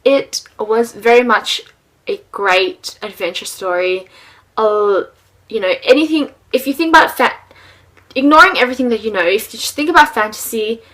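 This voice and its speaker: A woman's voice: medium pitch, fairly bright tone, low-quality recording. A young woman giving a casual, rambling book review for her vlog, with lots of ums and little laughs.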